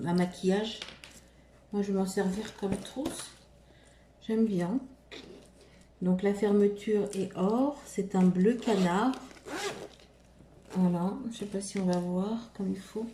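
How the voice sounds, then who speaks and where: Mellow-voiced woman chatting in a roomy echo. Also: medium pitch, a little hiss or hum. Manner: hesitant, full of fillers and restarts. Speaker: vlogger showing shopping haul. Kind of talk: casual haul vlog chat. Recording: roomy echo, faint room ambience.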